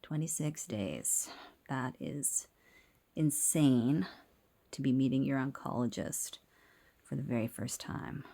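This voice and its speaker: Brief: woman, very low voice, unhurried delivery, wry diary-style talk into a phone in a clinic room, now and then hushed to a whisper. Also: animated, creaky. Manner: candid, wry, drops to a whisper at times. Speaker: video diarist. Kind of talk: casual personal video diary.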